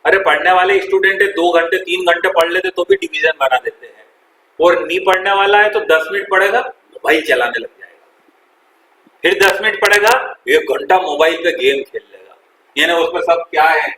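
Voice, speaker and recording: A chemistry teacher with a high, pushed, bright voice lectures at a moderate pace, quizzing students, repeating what they say, and addressing them as "beta." The poor audio has an echoey room and a little hiss or hum.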